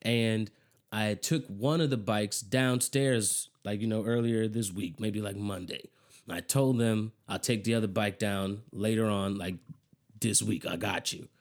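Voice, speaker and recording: A man's voice: on the low side, steady tone, unhurried. A man chatting casually about his kids, talking loosely with lots of slang, and acting out how he scolds them. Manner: casual slang, says bro often. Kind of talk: casual chat.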